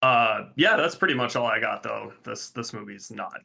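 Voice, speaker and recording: A man's voice: on the low side, expressive, moderate pace, gravelly, pushed and bright. A man hosting a casual movie review chat, laughing often and swearing freely. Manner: laughing, profane, bro-ish banter. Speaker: podcast host.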